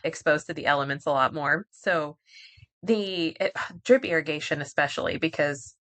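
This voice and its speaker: A woman's voice: low-pitched, normal speed, a bit bright. A woman co-hosting a home-care podcast, explaining steps in a practical, matter-of-fact way in casual chat. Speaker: podcast co-host.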